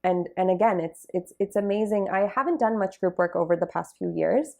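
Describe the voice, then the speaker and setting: Speaking briskly in a mid-range voice that's gravelly yet warm, a young Bharatanatyam dancer is interviewed about her journey in dance. Her tone is reflective and casual, with plenty of fillers.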